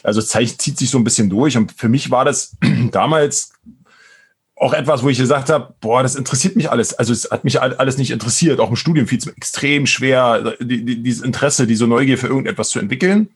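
A man with a Berlin accent and a slightly husky, breathy voice speaks as a guest on an interview podcast. He rambles loosely, circling back with fillers and restarts. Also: mid-range voice, fairly quick. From Brandenburg, Germany. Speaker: guest, entrepreneurship professor. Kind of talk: casual interview talk.

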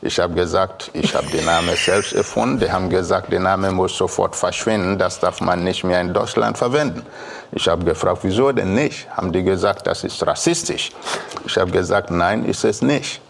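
A man tells a story as a talk show guest, in a low voice with a gravelly, creaky edge. He speaks calmly and hesitantly, pausing on filler sounds. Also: a little hiss or hum. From Biafra, Nigeria. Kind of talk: telling an anecdote on a TV talk show.

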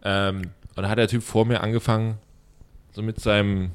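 A young German man telling a long, animated everyday story in casual chat, acting out his own inner voice and mocking himself. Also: on the low side, normal speed, clear, resonant tone.

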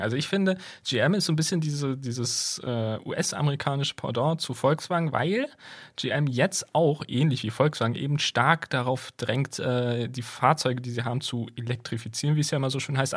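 A man's voice: mid-range voice, slightly rough. A man co-hosting a casual podcast chat, thinking aloud with hesitant restarts. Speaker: podcast co-host.

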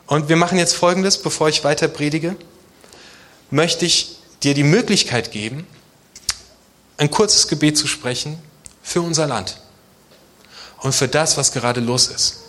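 Addressing a congregation, this man from Germany keeps his sermon casual and chatty, with plenty of rhetorical questions. He has a somewhat high, slightly bright voice and talks a little slowly, pausing often.

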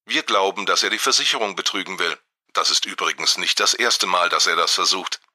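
A man voicing a friendly, brisk female detective in an audiobook, speaking in a quick, lively way. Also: low-pitched, dry recording, clean studio sound, heavily acted. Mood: knowing, brisk.

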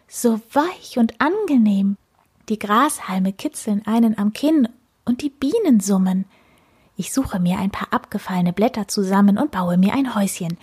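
A woman voicing a cheerful, lonely little male creature in a children's story, gushing and wistful in a raised, breathy voice. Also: medium pitch, animated, normal speed, a little mellow. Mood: delighted.

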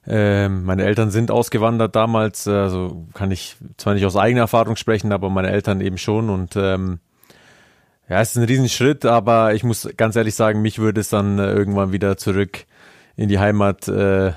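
Smooth-voiced man from Nuremberg. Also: on the low side, level tone, darkish tone, no echo, clean studio sound. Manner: measured, thoughtful with fillers. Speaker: podcast co-host. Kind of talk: podcast conversation.

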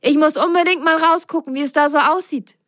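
Picture an eager little sock boy in a children's storybook, high and bubbly, his voice leaping up and down. A woman reads him with a raised, lively voice. The sound is close and dry. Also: normal speed, no room sound. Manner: excited, bubbly. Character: eager excitable young male sock.

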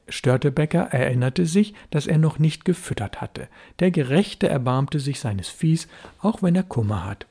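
Gravelly man narrating a storybook. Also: medium pitch, mellow.

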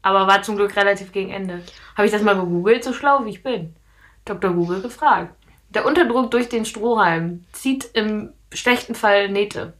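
A woman's voice: medium pitch, normal speed. A young woman co-hosting a podcast, chatting casually and bluntly, often laughing. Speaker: podcast co-host. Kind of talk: casual chat.

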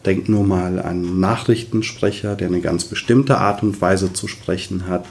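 A man's voice: low-pitched, steady tone, normal speed, creaky, a little mellow. A man working as a voice coach, explaining his work enthusiastically in a conversational interview.

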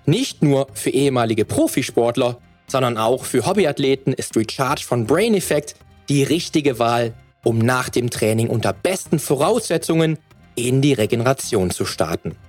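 A man's voice: medium pitch, lively intonation, normal speed, darkish tone, no room sound, faint music behind. A man hosting a fitness podcast, reading a sponsor spot and then asking long, searching questions. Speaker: podcast host.

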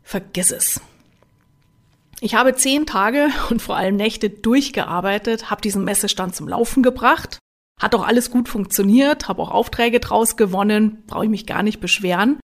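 A woman self-help coach giving a motivational talk, speaking straight to the listener with lively rhetorical questions. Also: medium pitch, moderate pace.

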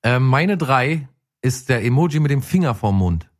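A man's voice: medium pitch, animated, normal speed. A man co-hosting a podcast in casual comedic chat, teasing his partner and laughing often. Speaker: podcast co-host.

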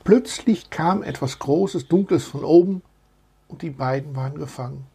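Husky, gravelly male storyteller. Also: a little high, normal speed. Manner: expressive, animated reading. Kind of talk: children's story reading.

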